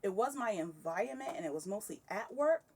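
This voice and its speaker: A woman's voice: mid-range voice, animated, fairly quick, far from the mic, a little hiss or hum. A woman in her thirties talking candidly and with energy in a casual podcast conversation, often breaking into laughter. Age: 30s. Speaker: podcast guest.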